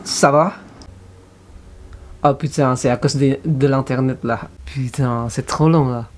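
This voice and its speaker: A man's voice: mid-range voice, steady tone, measured pace. A man in his twenties with an Indonesian accent, a native Indonesian speaker, vlogging casually in a chatty, hesitant, self-conscious way. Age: 20s. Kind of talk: casual vlog.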